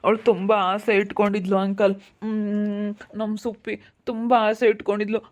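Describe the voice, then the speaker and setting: A woman's voice: medium pitch, level tone, measured pace, close to an everyday voice. An actress playing a sorrowful woman relative who consoles the family.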